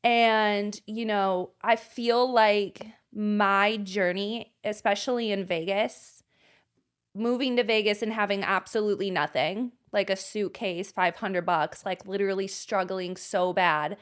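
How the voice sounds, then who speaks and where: A young woman co-hosting a casual podcast, chatty and animated, laughing often as she retells stories. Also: medium pitch, unhurried, smooth. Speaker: podcast co-host. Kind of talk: casual chat.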